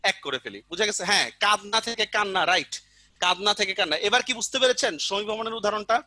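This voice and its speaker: Pitched high and moving at a quick pace, the man's voice comes across pushed and bright, with no room sound. He teaches grammar online, repeating examples with patience and repeatedly checking that the class understands.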